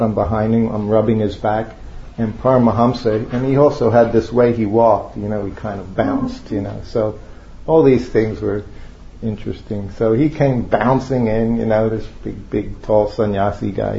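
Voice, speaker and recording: A man's voice: on the low side, vocal fry, dark tone, echoey room, muffled recording, a little hiss or hum. A man casually telling a long personal story to a group, rambling and laughing often as he goes. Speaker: storyteller recounting memories. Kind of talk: casual anecdote told to a group.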